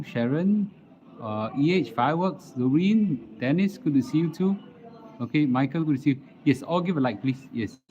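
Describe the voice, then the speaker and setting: The lo-fi livestream audio sounds dull as this middle-aged Singaporean-accented host chats informally, stumbling and repeating words along the way. He has a mellow, medium-pitched voice.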